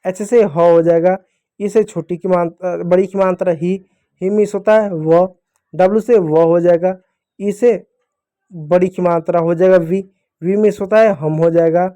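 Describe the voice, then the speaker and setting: A young man teaches small children how to read, his voice pitched high yet soft and mellow. He goes patiently, posing each rule as a question and then answering it himself. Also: steady tone, moderate pace. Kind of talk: phonics lesson for young children.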